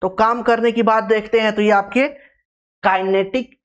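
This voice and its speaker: A teacher at a middle pitch lecturing for exam preparation. Key terms are repeated and drawn out syllable by syllable. Questions are put to the class and answered right away. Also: fairly even intonation, normal speed, smooth. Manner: stretches out terms syllable by syllable for emphasis. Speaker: geography teacher.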